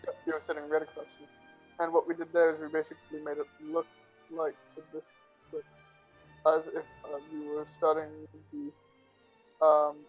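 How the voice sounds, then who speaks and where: Hesitant, flat-voiced young man. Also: fairly high pitch, normal speed, pauses often. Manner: hesitant and rambling, with many fillers and restarts. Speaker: filmmaker discussing his fan film. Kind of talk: behind-the-scenes commentary. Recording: dull, lo-fi sound. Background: faint film music.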